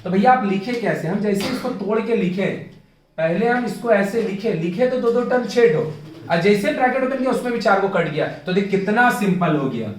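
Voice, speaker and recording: A male math tutor leads a classroom lesson, repeating himself and quizzing his students. His voice sits high for a man. He is caught from a distance in a very echoey room. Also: animated, brisk. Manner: coaxing, repeats and asks students questions.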